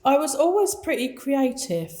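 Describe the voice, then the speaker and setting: A woman's voice: sits high, very animated, moderate pace, a little mellow. A woman with an Essex accent, a guest artist telling her story in a down-to-earth, hesitant, chatty way. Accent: Essex English. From Essex, England. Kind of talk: casual interview chat.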